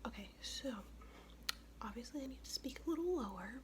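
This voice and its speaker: A young woman from the United States whispering in a close, raspy ASMR voice, her throat worn from illness, telling a blunt, profane, chatty story. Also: high voice, expressive, a little fast, noisy background. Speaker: ASMR vlogger.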